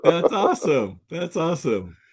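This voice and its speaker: A man hosting a casual interview, telling stories at a measured pace with "um" and "uh" pauses. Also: fairly high pitch, big pitch swings, a little mellow, husky. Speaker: podcast host, also plays Santa.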